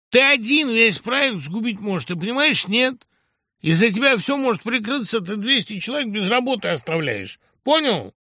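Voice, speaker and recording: A ranting, bullying middle-aged producer who shouts in a raised, sharp voice that leaps wildly up and down, as a man puts him on in an audiobook. Every sentence comes out as a tirade. The recording is close and dry. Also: mid-range voice, slightly rough, dry recording, heavily acted. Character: loud, hysterical middle-aged male film producer. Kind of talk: audiobook reading.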